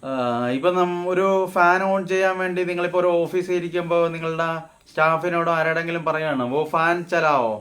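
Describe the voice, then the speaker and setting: A man teaching everyday phrases, saying each example slowly and then explaining it. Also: a little high, flat delivery, fairly bright tone. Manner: slow, deliberate model phrases, then explained in Malayalam. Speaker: Hindi teacher. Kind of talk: casual spoken-Hindi lesson.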